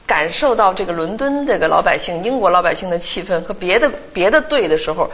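A woman talking fast and animated on a studio talk panel, acting out what other people told her as she tells the story. The recording sounds a little dull and lo-fi. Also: on the low side. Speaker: guest commentator. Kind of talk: studio talk show discussion.

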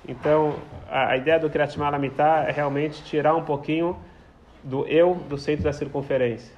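A man's voice: on the high side, steady tone, normal speed, a little mellow. A man teaching a prayer text to a small group, explaining and telling stories, often repeating his phrases. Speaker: Torah teacher. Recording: slightly dull, faint background noise.

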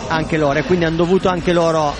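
A man with a high voice hosts a live radio show outdoors. He talks casually, agrees readily and plays the hype man. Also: steady tone, fast, over music. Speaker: host of a rap radio show. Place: outdoor festival broadcast.

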